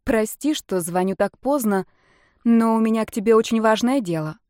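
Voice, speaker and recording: A woman's voice: on the high side, darkish tone, no echo, clean studio sound, voice pushed up, natural voice. A woman voicing a shy, hesitant young woman. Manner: hesitant, embarrassed, hurried.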